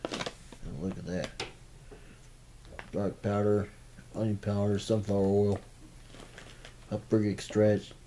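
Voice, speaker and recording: A young adult man giving a casual, low-key food review in a halting, hesitant way. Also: level tone, warm tone. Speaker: snack reviewer. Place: small room at home, indoors. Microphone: camera at about arm's length. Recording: faint background noise, amateur camera.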